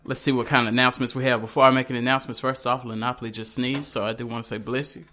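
A man's voice: medium pitch, little pitch movement, racing, pushed and bright, slight background noise. Drunk, joking podcast host man. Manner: joking, loose, laughing often. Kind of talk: casual podcast chat.

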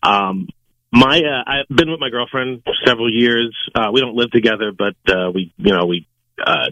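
A man from the Chicago area calling a radio show for advice, speaking haltingly and earnestly. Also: mid-range voice, bright, forceful tone, no echo, muffled recording. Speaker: caller. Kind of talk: call-in to radio advice segment.

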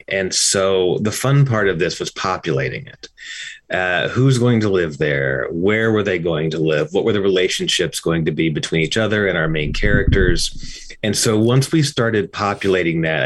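A man being interviewed about creative work, recalling it casually in a halting, thoughtful way. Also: sits low.

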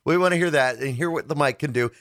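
A man's voice: fairly high pitch, rapid-fire, fairly bright tone, no echo, clean studio sound. A man hosting a tech radio show in casual chat, joking and laughing easily.

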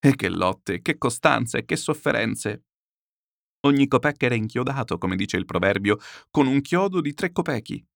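A man's voice: medium pitch, expressive, normal speed, gravelly, dry recording, clean studio sound. A man voicing a desperate, ruined middle-aged swindler who pleads and laments in a frantic, self-pitying way.

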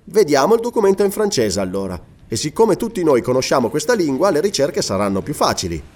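A man voicing a calm, authoritative noble lord leading a careful investigation in a read-aloud novel. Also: on the high side, fast talker, voice pushed up. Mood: methodical. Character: calm authoritative Scottish lord, methodical leader.

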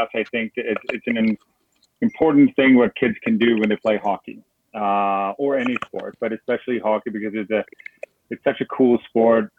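A middle-aged man from Sweden, chatting as a guest in an interview and rambling with many fillers and restarts. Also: mid-range voice. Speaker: guest, foundation founder. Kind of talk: casual interview over a call. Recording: tinny phone-like line with noise.

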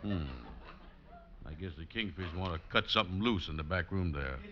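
An actor playing a gullible, slow-witted, good-natured man with folksy talk in an old-time radio comedy. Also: deep voice, very noisy, close to an everyday voice. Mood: puzzled. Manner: folksy, ungrammatical, slow to catch on. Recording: muffled old radio recording.

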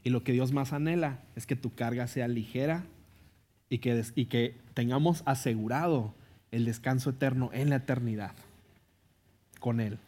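A man with a Mexican accent preaching a sermon as a pastor. He tells a personal story conversationally, tagging his lines with quick questions, then makes an earnest, pleading call to faith. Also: mid-range voice, mellow. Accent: Mexican Spanish. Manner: conversational, tags lines with ¿no? and ¿verdad?.

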